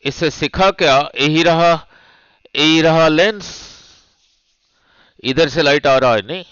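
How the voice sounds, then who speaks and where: Slow-talking male physics teacher, dull lo-fi audio. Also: a little high, a bit bright, smooth, no room sound. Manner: slow, repetitive, checks understanding with rhetorical "nahin?". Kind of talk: classroom lecture at a board.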